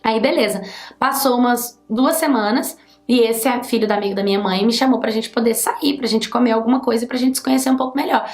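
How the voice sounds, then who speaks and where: Young Brazilian woman, chatty storytime, emphatic, fairly high voice, roomy echo. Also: fast, a little mellow, soft background music. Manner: chatty, emphatic, many fillers. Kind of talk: casual storytime. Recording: echoey room.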